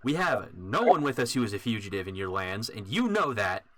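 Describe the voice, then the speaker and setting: A man voicing a stern caravan matron who yells commands at a blocker. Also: lowish voice, very animated, a little fast, slight background noise. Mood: indignant. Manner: yelling, commanding.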